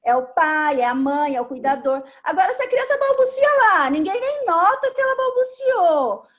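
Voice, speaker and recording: A woman with a notably high voice and a Brazilian Portuguese accent, speaking as a speech therapist guest in an interview. She explains patiently and instructively, laying out each point step by step. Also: very animated, moderate pace.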